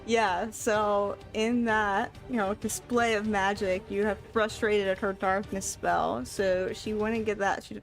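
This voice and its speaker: A woman running a tabletop roleplaying game as dungeon master, unhurried and laughing often. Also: mid-range voice, steady tone, faint music behind.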